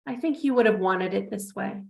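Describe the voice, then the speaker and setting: A woman reading an excitable bar patron in an amateur script read, with shrill, swooping exclamations. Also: brisk, gravelly, natural voice. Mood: musing.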